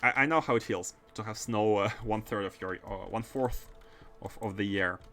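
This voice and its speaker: A man with a Russian accent streams himself gaming and chats casually, often restarting and repeating his words. His voice is somewhat low, bright and forceful at a normal pace, with faint music in the background.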